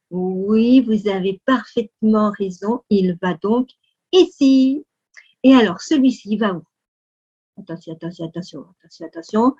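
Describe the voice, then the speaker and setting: A woman with a French accent leading a children's Sunday school lesson, speaking slowly with exaggerated, exclamatory storytelling for kids. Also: fairly high pitch, a little mellow, slightly rough, lo-fi sound. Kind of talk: animated lesson for young children.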